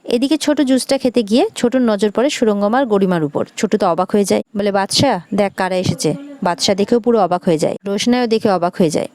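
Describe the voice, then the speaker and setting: A woman narrating a TV serial episode in a steady storytelling way, quoting each line of the characters. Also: medium pitch, fast. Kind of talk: retelling a TV serial episode with quoted dialogue.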